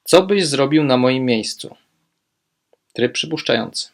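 A man teaching language, speaking German phrases slowly and clearly, then explaining them with quick asides. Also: medium pitch, expressive. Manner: slow, modelling German phrases deliberately, quick asides in Polish.

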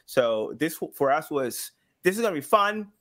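A man in his thirties, an engagement director and sound designer, chats casually as a podcast guest from a room in his home. He's expressive and often acts out little imagined exchanges, speaking at normal speed in a voice on the high side.

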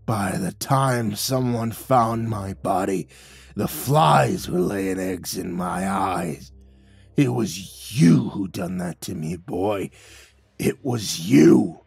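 A rotting corpse of an older father speaks in a papery, crooning whisper of menace, as a man narrator puts him on. The voice drags low and slow, each word drawn out. The sound is dry and close. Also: creaky, darkish tone, breathy edge, no echo, faint music behind, exaggerated voice. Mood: menacing.

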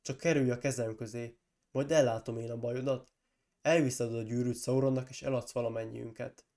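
The proud, forceful warrior lord is voiced by a hoarse man whose gravelly, mellow tone has a cold's rough edge, read in storybook fashion. His mid-range voice barely moves in pitch and stays close to everyday speech as the angry lord insists on his point and bursts into loud accusations.

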